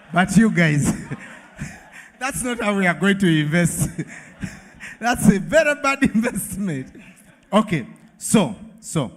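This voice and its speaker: A male emcee with a Ugandan English accent hosts a lively event in a large hall, playfully teasing the live audience with laughter. He has a high, very animated voice, takes it slowly with long pauses, and his sound carries long hall reverb through a PA.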